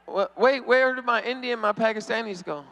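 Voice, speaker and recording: This stand-up comedian works a convention crowd from the stage, teasing people and laughing a lot. His very high-pitched voice is gravelly and a bit bright, and he talks briskly.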